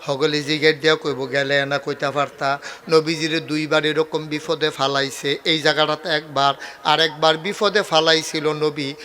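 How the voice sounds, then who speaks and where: A man preaching a waz sermon, telling stories in dialect with acted dialogue and rising into loud cries. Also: a little high, little pitch movement, normal speed, slight background noise.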